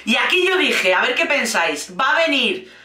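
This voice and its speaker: A woman's voice: a little high, very animated, normal speed, bright, forceful tone. A woman with a Spain Spanish accent giving casual, sarcastic commentary on a reality show, swearing freely and acting out the lines she quotes. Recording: roomy echo, a bit distant from the mic.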